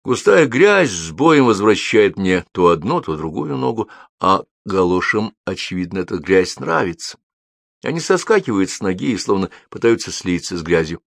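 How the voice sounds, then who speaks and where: A man's voice: low-pitched, sing-song, normal speed, gravelly, no room sound, clean studio sound. A man narrating a literary story expressively, with a rhythmic, repetitive telling. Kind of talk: literary reading.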